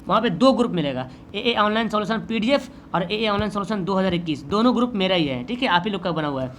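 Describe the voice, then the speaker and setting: A man's voice: high-pitched, lively intonation, quick pace, a bit bright, slight background noise. A man with a Bihari Hindi accent teaching an exam-prep lesson, patiently explaining and repeating his questions back to students.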